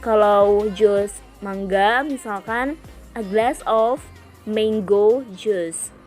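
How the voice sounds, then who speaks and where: Slow, patient Indonesian woman teacher. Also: medium pitch, a little mellow, soft background music. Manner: repeats English phrases slowly and clearly, patient. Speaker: English teacher. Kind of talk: slow classroom explanation for young children.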